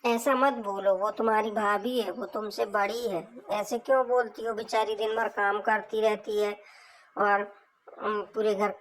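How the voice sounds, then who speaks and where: A woman voicing a gentle middle-aged mother who mildly scolds her daughter in a homemade family drama skit. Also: medium pitch, steady tone, measured pace, close to an everyday voice, rough recording. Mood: mildly scolding.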